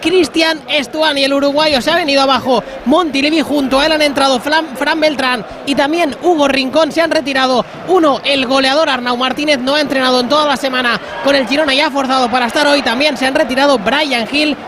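A man's voice: very high-pitched, fairly even intonation, brisk. A man giving a live radio report from a football match. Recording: noisy outdoor stadium.

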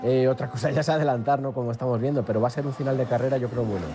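A man's voice: medium pitch, fairly even intonation, racing. A man giving live motorsport commentary and analysis in a conversational, repetitive way with questioning tags. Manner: conversational, repeats words, seeks agreement with tags. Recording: clear background noise.

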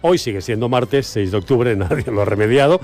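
A man's voice: medium pitch, animated, darkish tone. Chatty radio host in his sixties. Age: 60s. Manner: chatty, joking, quick agreeing interjections. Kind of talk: casual morning radio chat. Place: radio studio.

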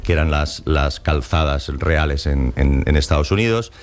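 A man with an unusually deep, low-pitched voice speaks as an interview guest. He tells history as lively anecdote, often breaking into the voices of the people he quotes, with many restarts and fillers. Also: normal speed. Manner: animated storyteller, acts out quoted voices. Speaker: author guest. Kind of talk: conversational interview.

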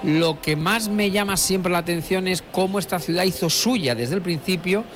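Covering a street procession live outdoors, a middle-aged man from La Mancha in Spain commentates discursively, with many fillers and restarts. His voice sits high and keeps a moderate pace. Faint music plays behind him amid the crowd noise of the broadcast.

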